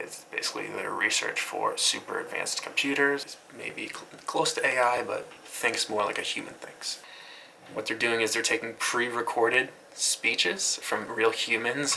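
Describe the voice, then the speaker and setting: A man with a lowish, gravelly voice that comes across pushed and bright offers a casual, loosely scripted recap of online news. His tone is offhand and sometimes profane, and the poor audio includes some light noise.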